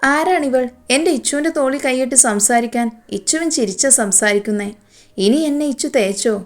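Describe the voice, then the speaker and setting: A woman reading a romance story aloud, speaking all the characters' lines in her own voice and moving quickly between narration and dialogue. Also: high-pitched.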